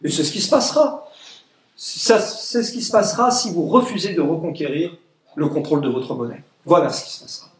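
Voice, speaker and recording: Speaking a little fast, a man of Egyptian origin uses a slightly high voice that rises and falls dramatically. His speech at a public meeting is forceful and sarcastic, imitating opponents in mock tones to ridicule them, and the meeting room echoes noticeably.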